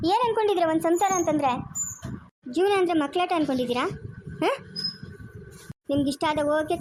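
A rural village wife with a Chikkaballapur Kannada accent, played by a woman, speaks in a very high voice. She talks fast and with feeling, scolding and pleading in a family drama. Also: a little mellow, slight background noise.

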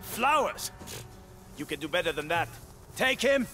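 A man's voice: a little high, sing-song, a little slow, bright, forceful tone, full character voice. An actor playing a cruel, mocking male soldier interrogator in a video game, with music underneath. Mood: taunting. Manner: sneering, taunting.

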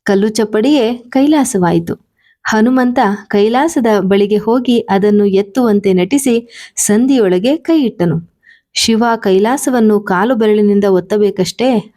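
A woman reading a humorous memoir-style story aloud in a lively storytelling manner. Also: medium pitch, a little slow. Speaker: audiobook reader.

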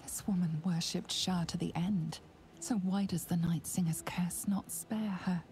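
A woman narrating a video game in a whispered role-play, measured and hushed. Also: fairly low pitch, steady tone, slight background noise, lightly acted. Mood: grave.

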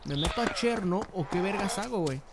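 A young man with a Mexican accent giving crude, slang-heavy commentary while playing a game, breaking into sudden shouts. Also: sits high, animated, fairly quick, very noisy. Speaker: gamer. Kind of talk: profane gameplay commentary.

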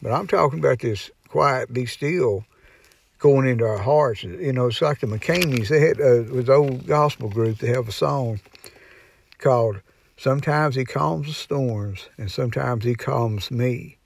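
A man giving an informal Bible teaching in a folksy, rambling way, often pausing with "you know" and restarting his sentences. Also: mid-range voice, vocal fry. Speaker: preacher.

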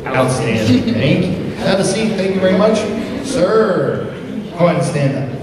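A man's voice: sits high, sing-song, normal speed. Echoey, distant male stage hypnotist. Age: middle-aged. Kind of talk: live stage show patter, interviewing participants. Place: large indoor school hall with seated audience. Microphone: handheld microphone through speakers, recorded by far camera. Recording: echoey hall, distant mic, loud noise.

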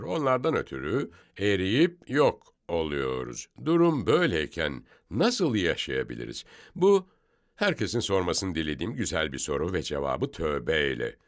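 Man with a deep voice explaining bible verses, swoops up and down a lot, emphatic teacher vibe. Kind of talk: scripture study discussion.

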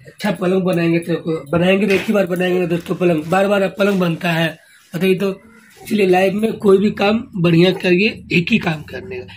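A man's voice: sits high, a little hiss or hum. Chatty man vlogging at home. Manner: chatty, keeps addressing viewers as friends. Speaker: family vlogger. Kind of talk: casual home vlog chat.

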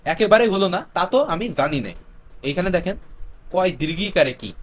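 A man teaching a grammar lesson. He explains step by step, slips English words in, and repeats his example sentences slowly. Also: high-pitched, animated.

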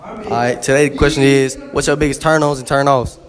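A man's voice: medium pitch, steady tone, a little fast. A teenage boy interviewing classmates in school hallways, teasing and slangy, holding a handheld mic. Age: teens. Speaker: street interviewer. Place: school hallways and restroom, indoors. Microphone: handheld mic held by speaker.

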